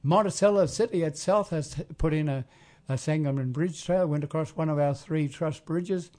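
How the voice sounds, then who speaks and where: A man hosting a casual community radio talk, rambling and often pausing to search for words. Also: on the high side, mellow. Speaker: radio show host.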